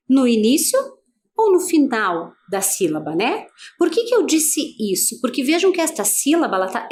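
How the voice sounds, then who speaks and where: A female teacher with a Brazilian Portuguese accent, giving an adult-education video lesson, patient and asking many guiding questions. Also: fairly high pitch.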